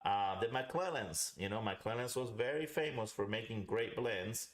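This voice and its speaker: A man's voice: on the low side, expressive, unhurried. A man hosting a casual livestream, explaining things in a rambling way and repeating himself for emphasis. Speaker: host of a live pipe tobacco review. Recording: roomy, echoing home recording.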